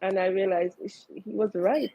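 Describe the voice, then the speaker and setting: A woman's voice: medium pitch, steady tone, moderate pace, mellow. A woman panelist in casual chat, reflecting on her own parenting and often murmuring agreement while others talk. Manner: reflective, frequent "mm-hmm" backchannels. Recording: dull lo-fi audio.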